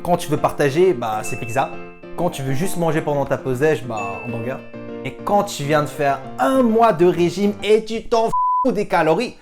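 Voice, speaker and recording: A young man from France answering viewer questions in a casual, self-mocking vlog, switching between languages. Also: a little high. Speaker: vlogger. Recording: music playing underneath.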